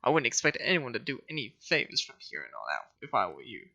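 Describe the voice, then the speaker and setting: A smug male police officer sneers and taunts in a raised, nasal-sounding snobbery, as a man puts him on. The voice is gravelly and sharp, pushed well above its usual pitch. It belongs to a game playthrough. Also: wildly swooping pitch, a little fast, exaggerated voice. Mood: sneering.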